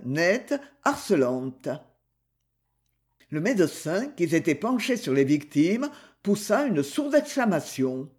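A man reading a novel aloud as an audiobook narrator in an expressive, dramatic way. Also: a little high.

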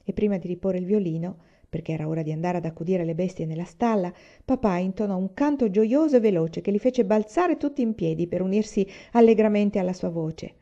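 A woman narrating a novel aloud in calm, even storytelling. Her voice is warm and mellow. The recording sounds slightly dull and lo-fi. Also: mid-range voice, brisk, hardly any pauses. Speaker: reader. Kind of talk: audiobook narration.

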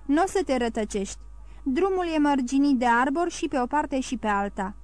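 A man's voice: very high voice, animated, no room sound, pitched above the performer's own voice. A woman voicing a nervous, greedy middle-aged male innkeeper who sounds anxious and pleading.

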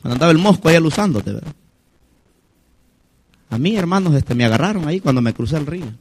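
A middle-aged man from Mexico preaching a sermon, dramatic, acting out the voices he quotes and shouting his high punch lines. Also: expressive, fast.

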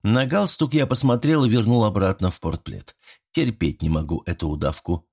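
A man reading a first-person audiobook story, with expressive storytelling and dry wit. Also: lowish voice, moderate pace, creaky, husky. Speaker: audiobook narrator.

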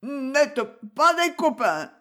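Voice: high-pitched, big pitch swings, slow, pushed and bright, pitched above the performer's own voice, exaggerated voice. A reader voicing a man who fakes being drunk, slurring, stammering and hiccuping. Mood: pleading drunk.

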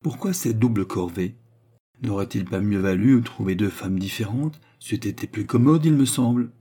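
A man voicing an eager young male rogue who admires his villainous mentor, in a husky voice. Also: on the low side, normal speed, dark tone. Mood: curious.

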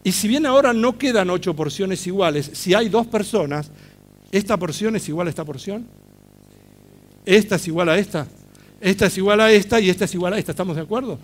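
Middle-aged Argentine man, high voice, lively talk speaker who quizzes the audience. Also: fairly quick, slight background noise. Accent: Argentine Spanish. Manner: animated storytelling, asks the audience questions. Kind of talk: public talk to a live audience.

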